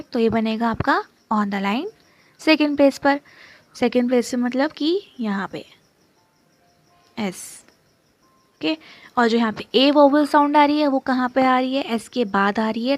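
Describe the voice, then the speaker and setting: A woman's voice: fairly high pitch, no echo. A woman teaching a shorthand lesson step by step, patiently repeating terms and checking in with "okay?" as she writes. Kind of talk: step-by-step lesson while writing.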